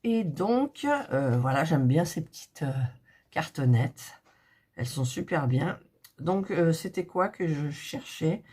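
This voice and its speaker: A middle-aged woman, hoarse and recovering from a cough, chatting softly and thinking aloud as she unboxes cross-stitch kits. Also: deep voice. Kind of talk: casual unboxing chat.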